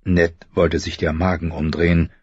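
A man narrating an audiobook in a measured, grave storytelling manner. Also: low voice, level tone, no echo, muffled recording. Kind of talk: scripted narration.

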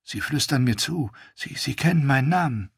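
A man's voice: mid-range voice, animated, normal speed, gravelly, breathy edge, dry recording, studio quality, pitched above the performer's own voice. A man voicing a broken, desperate young male captive who stammers and pleads.

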